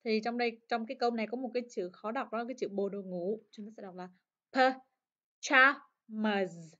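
A woman teaching an English lesson, repeating words and sentences slowly and clearly for learners to copy. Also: fairly high pitch, a little mellow, highs cut off. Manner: slow, drawn-out pronunciation drills. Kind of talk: language lesson.

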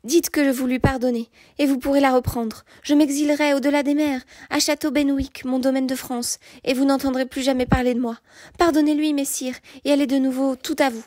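A noble, guilt-stricken male knight pleading in earnest, as a woman voices him for an audiobook. Her voice sits a little high, and the sound is dry and close. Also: steady tone, moderate pace, darkish tone, dry recording, natural voice. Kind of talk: audiobook character reading.

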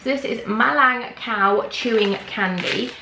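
A young English woman chatting excitedly as she tries snacks on her vlog at home, gasping at what she finds. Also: a little high, measured pace, vocal fry, a little hiss or hum, rough recording. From England. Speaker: vlogger. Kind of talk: casual snack-tasting vlog.

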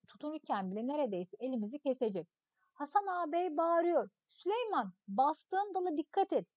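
A woman teacher reading a story aloud in an expressive, clear storytelling manner for a lesson. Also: high voice, no room sound.

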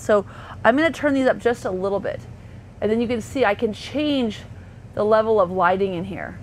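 A woman, an RV sales associate, giving a thorough walkthrough tour inside a parked motorhome, talking chattily with fillers and self-corrections. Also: on the high side. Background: faint hum of air conditioning.

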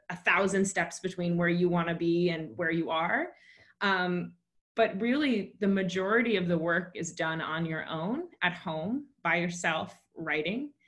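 On a video call, a woman novelist reads a passage from her book before drifting into casual, plain talk about writing, peppered with fillers. Her voice sits on the low side and is a bit bright.

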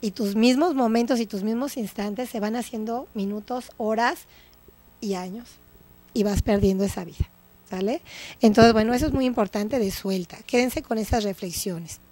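Speaking at a moderate pace, this Mexican-accented woman has a fairly high voice with a dark tone. She's a guest psychologist teaching on an educational TV program, and she often tacks on tag questions to make sure her audience is following.

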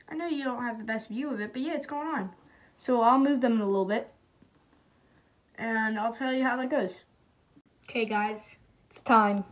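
A young woman chatting casually off camera while filming her ant colony, excitable and sometimes dropping to a whisper. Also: on the high side. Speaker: ant-keeping vlogger. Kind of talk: casual off-camera vlog narration.

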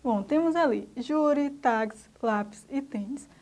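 A woman's voice: high voice, measured pace, darkish tone. A woman teacher with a Brazilian Portuguese accent, patiently explaining a grammar lesson to children step by step. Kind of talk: recorded remote school lesson.

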